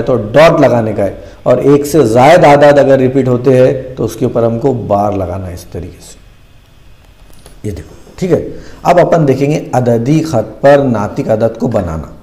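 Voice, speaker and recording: A man walks through a math lesson, repeating each step and quizzing himself aloud. His voice is gravelly and mellow, with a dark tone. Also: mid-range voice. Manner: patient, repeats steps, asks and answers his own questions. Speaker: math teacher.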